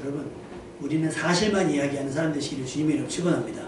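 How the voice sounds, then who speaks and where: Male pastor, sermon, high voice, conversational, asks questions of the congregation, echoey church, distant mic. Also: very fast, background noise. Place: church sanctuary.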